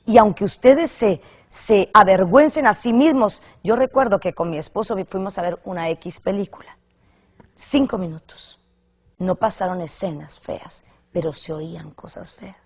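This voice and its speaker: Husky creaky-voiced woman preaching. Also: medium pitch, normal speed. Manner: emphatic, repeats words for stress. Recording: slightly muffled lo-fi recording.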